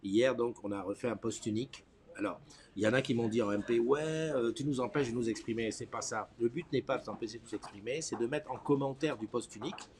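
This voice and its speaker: A man's voice: mid-range voice, brisk, darkish tone. Informal, teasing man hosting live. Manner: informal, teasing, repeats himself. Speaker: live morning show host. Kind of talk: casual live chat.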